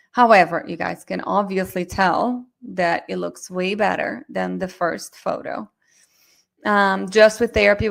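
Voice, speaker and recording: Fast-talking woman teaching a webinar. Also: medium pitch, vocal fry. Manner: fast, chatty, addresses audience directly. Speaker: myofunctional therapy instructor. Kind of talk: live online webinar lecture.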